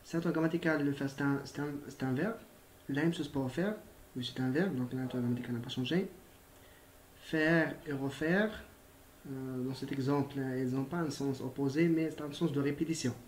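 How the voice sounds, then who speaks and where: A male primary school teacher giving a recorded grammar lesson, patiently repeating himself, spelling out letters and filling pauses with hesitations. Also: mid-range voice, a little hiss or hum. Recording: echoey room.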